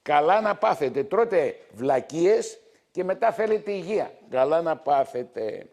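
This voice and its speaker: A middle-aged man hosting a health show as a doctor, scolding his viewers loudly and repeating his points again and again. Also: on the high side, sing-song. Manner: loud, scolding, repetitive, hammering points. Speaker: TV doctor host.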